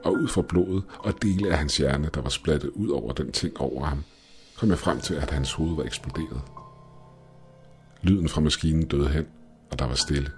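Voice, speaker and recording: A man narrating a first-person horror story in a steady, measured way, with faint music behind. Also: a bass voice.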